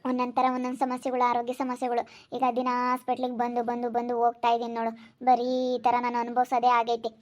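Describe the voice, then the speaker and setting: A woman plays a worn-out, tearful village woman in an amateur village skit, speaking. Her high voice stays on a flat, narrow line as she rushes through plaintive, repeated complaints. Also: natural voice. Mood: weary, tearful. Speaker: ailing woman Suguna.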